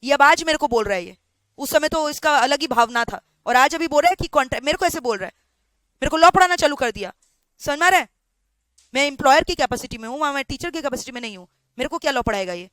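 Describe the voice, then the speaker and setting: A woman's voice: high-pitched, quick pace, dry recording. A woman teaching a law class, acting out both sides of a story and often checking whether students follow. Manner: animated, acts out both sides of a story, asks "samajh mein aa raha hai?".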